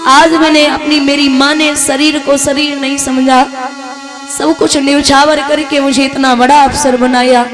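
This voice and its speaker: A proud young officer snaps at his mother with curt, scornful words, as a woman telling the story voices him. The voice sits high and bright, and music plays steadily behind the devotional telling. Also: flat delivery, measured pace. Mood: remorseful. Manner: harsh and dismissive.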